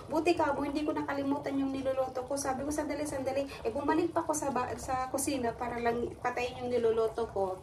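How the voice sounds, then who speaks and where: A woman's voice: fairly high pitch, a little mellow. A woman from the Philippines, chatting casually to viewers at home and retelling a neighbor encounter with quoted dialogue. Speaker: vlogger. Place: home in Sweden, kitchen. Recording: distant home mic, faint ambient noise.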